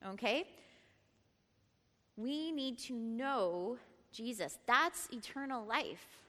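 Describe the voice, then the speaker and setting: Middle-aged woman Bible teacher, lively and chatty, slightly high, bright voice; ringing reverb of a large hall. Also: slow. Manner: lively, laughs often, prompts the group to repeat. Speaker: teacher at a church Bible study. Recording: long reverb in a large room.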